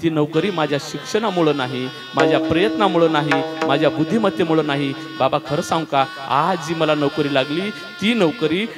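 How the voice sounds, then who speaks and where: Guy doing a teary young son, pleading and earnest, high voice, music behind. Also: normal speed, few pauses, lightly acted. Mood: tearful, earnest. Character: tearful young man thanking his father.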